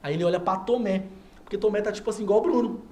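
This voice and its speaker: In a TV studio, a male talk-show guest shares a personal faith story as animated testimony, acting out everyone's lines. His voice sits high, a little mellow, and comes out rapid-fire.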